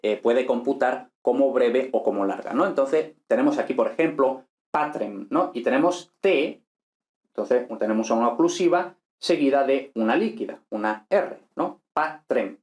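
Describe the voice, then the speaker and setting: A man's voice: medium pitch, expressive, normal speed, darkish tone, echoey room. A man teaching an online language class, explaining step by step and often checking in with his listeners. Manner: explanatory, frequent "¿vale?" and "¿no?" checks. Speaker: Latin teacher. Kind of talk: online lecture.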